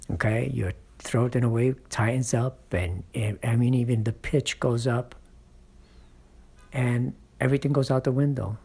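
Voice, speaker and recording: A man's voice: mid-range voice, gravelly, a little mellow, husky. A man hosting his own channel, giving motivational public-speaking advice and often checking in with the listener. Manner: coaching, checks in with frequent "right?" and "okay?"; speaks from experience, encouraging. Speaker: channel host and speaking coach.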